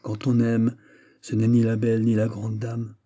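Man reading a gentle, earnest young woman. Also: on the low side, monotone, moderate pace, lightly acted. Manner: earnest, pleading.

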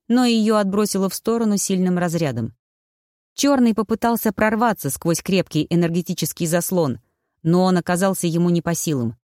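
An audiobook narrator reading a fantasy story in a steady, even storytelling manner. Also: medium pitch, no room sound, clean studio sound. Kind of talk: scripted narration.

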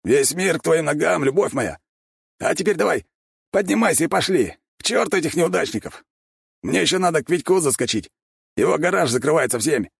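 A man's voice: fairly high pitch, expressive, a little fast, creaky, breathy edge, no room sound, studio quality, voice pushed up, heavily acted. A man voicing a brash, arrogant young wolf thug who growls threats in an audiobook. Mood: swaggering.

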